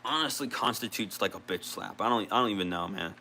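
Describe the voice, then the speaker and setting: Rambling man with a bright, tense voice. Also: lowish voice, a little fast, creaky, slight background noise. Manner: rambling, many restarts and fillers, casual swearing. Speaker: video creator. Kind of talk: rambling gaming vlog.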